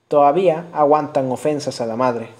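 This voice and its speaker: A man's voice: fairly high pitch, moderate pace, close to an everyday voice. A man reading an audiobook voices a spiteful, half-drunk young village woman who taunts someone. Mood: taunting.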